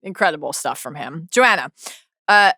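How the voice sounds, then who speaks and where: A woman co-hosting a podcast, recapping a TV episode quickly and enthusiastically, often restarting sentences. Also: sits low, lively intonation, bright, forceful tone, no echo, studio quality. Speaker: podcast co-host. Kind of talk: casual TV recap chat.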